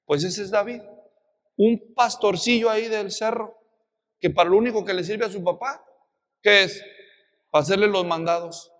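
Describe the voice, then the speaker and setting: A man with a Mexican accent preaching a sermon, telling a Bible story in a lively way with many rhetorical questions. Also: high-pitched, moderate pace, long pauses, big-room sound. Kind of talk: expository sermon.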